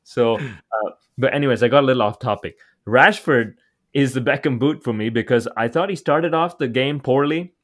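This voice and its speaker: A man's voice: mid-range voice, moderate pace. Opinionated man talking football. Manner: opinionated, repeats points for emphasis. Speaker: football podcast panelist. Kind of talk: casual sports chat.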